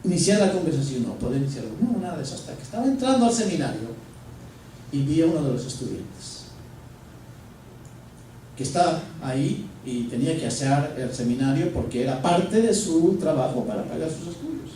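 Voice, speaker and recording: A man's voice: fairly high pitch, a little fast. A man, a pastor, telling a personal story in a sermon and acting out the dialogue. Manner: animated, acts out dialogue. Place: church. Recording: echoey church from a distance, faint noise.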